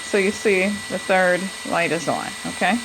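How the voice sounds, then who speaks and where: A woman's voice: on the low side, moderate pace, vocal fry, noisy background. A woman giving a casual DIY demonstration to viewers, speaking informally and thinking aloud, her voice muffled by a mask over her mouth. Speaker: DIY tutorial host.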